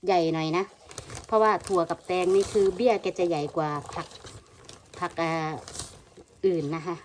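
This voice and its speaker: A woman's voice: on the low side, normal speed, darkish tone, a little hiss or hum. A woman from Thailand with an Isan Thai accent, chatting casually in a home gardening vlog and often addressing her viewers as brothers and sisters. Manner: chatty, keeps calling viewers "brothers and sisters", many fillers. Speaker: vlogger. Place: home where she lives abroad, with family noise around.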